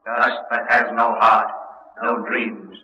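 A mournful verse voice recites in a flat, measured, bright tone. A long reverb trails his words. The old radio recording sounds dull. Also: mid-range voice. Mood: solemn. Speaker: poem voice in a radio drama.

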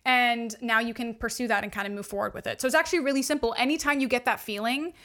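A woman's voice: a little high, fast talker, pushed and bright. A woman guest coach in casual podcast chat, gushing and full of "like" fillers as she explains astrology.

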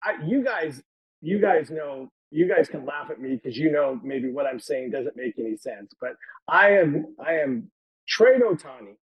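A man on a sports podcast panel ranting in an exasperated way, with halting restarts. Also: on the high side, expressive, breathy edge, dry recording, highs cut off. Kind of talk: casual sports podcast rant.

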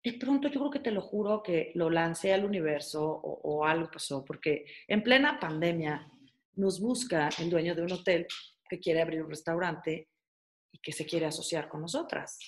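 A woman's voice: fairly low pitch, normal speed. A woman chef in her forties telling her story in a casual interview, chatty, with many fillers and restarts.

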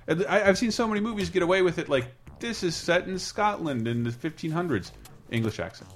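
A man chats casually as a podcast host. He swears freely and often restarts his sentences, and his pitch moves a lot. Faint music sits behind him. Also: brisk. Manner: animated, swearing, self-interrupting. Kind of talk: casual chat.

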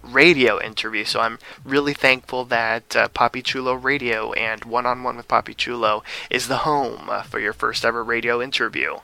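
A man's voice: mid-range voice, steady tone, normal speed, vocal fry, few pauses, sharp tone, no echo. A man hosting a radio interview show in an upbeat, enthusiastic way. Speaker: host.

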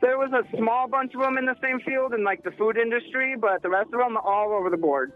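A man in his thirties calls in over a tinny phone line, his voice sitting fairly high. He answers hesitantly and drops in plenty of "uh"s. Soft music plays faintly behind him. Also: fast. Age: 30s. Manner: hesitant, lots of uh. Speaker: caller. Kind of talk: casual phone call to radio show.

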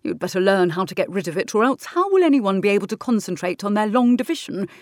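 A woman voicing a stern, exasperated middle-aged male schoolteacher who talks in a brisk, scolding way. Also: mid-range voice, expressive, darkish tone, no echo, studio quality, lightly acted.

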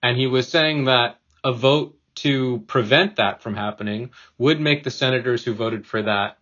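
A man's voice: mid-range voice, normal speed, a bit bright. Man explaining news, slightly dull recording. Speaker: news editor and commentator. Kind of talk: podcast explanation.

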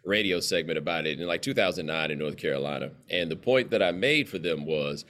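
This forties-aged guest from the southern United States speaks with a Southern American accent in casual conversation. His low, slightly bright voice is expressive and fairly quick as he tells expansive, idiomatic, emphatic stories.

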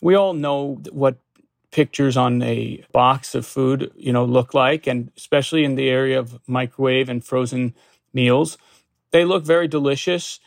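A man with a gravelly edge answers interview questions as a lawyer, slowly and with care. He restarts often and pads his answers with fillers. The sound is dry and close. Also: medium pitch, dry recording. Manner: measured, hesitant, many fillers and restarts. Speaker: consumer protection lawyer.

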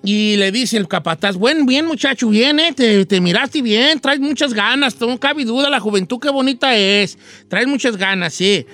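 A man doing a high, folksy old Mexican rancher. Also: animated, normal speed, sharp tone, no room sound, faint music behind, exaggerated voice. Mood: playful. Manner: rambling, slangy, acts out voices and axe sounds. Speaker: radio show host. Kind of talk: radio joke storytelling.

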